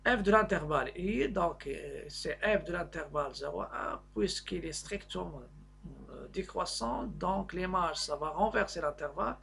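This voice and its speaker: Man, maths teacher, high-set voice, gravelly fry, halting step-by-step explanation. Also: a bit bright, a little hiss or hum. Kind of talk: explaining a worked maths lesson.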